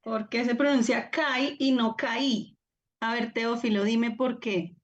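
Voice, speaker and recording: A woman's voice: fairly high pitch, steady tone, moderate pace, lo-fi sound. A woman teaching a live online class, encouraging and upbeat as she calls on students by name over a video call. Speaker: Biblical Greek teacher.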